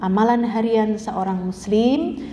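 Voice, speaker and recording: A woman's voice: mid-range voice, unhurried, dark tone, slight background noise. A woman teaching a religious study lecture in a chatty way, often checking in with her listeners. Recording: echoey hall with long reverb, dull sound.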